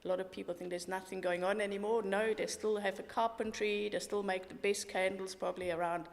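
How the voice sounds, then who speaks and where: Her voice is medium-pitched, gravelly, and steady, delivered fairly quickly: she's a middle-aged walking tour guide from Switzerland with a Swiss accent. Interviewed for a podcast in a roomy, reverberant space, she comes across enthusiastic and matter-of-fact.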